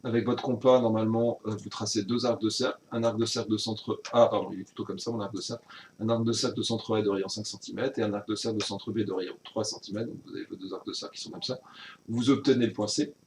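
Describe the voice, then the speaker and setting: A man's voice: on the low side, steady tone, fast talker, a little mellow, a little hiss or hum. A man teaching a recorded virtual class recap, explaining step by step with frequent hesitations and self-corrections.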